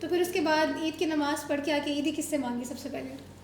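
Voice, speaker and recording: High-voiced woman playfully quizzing children. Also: fairly even intonation, a little fast, a little hiss or hum. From Pakistan. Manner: playful, coaxing, teasing questions. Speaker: show host interviewing children. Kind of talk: casual chat with children. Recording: roomy echo.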